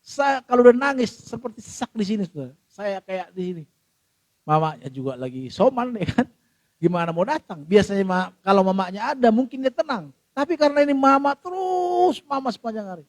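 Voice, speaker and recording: A middle-aged man preaches with a high voice, his sound dry and close with no room echo. He tells a personal story with emotion, swinging between loud bursts and hushed passages, and keeps addressing the congregation. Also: animated, fairly quick. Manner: repeats the congregation address often. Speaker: pastor. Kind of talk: sermon.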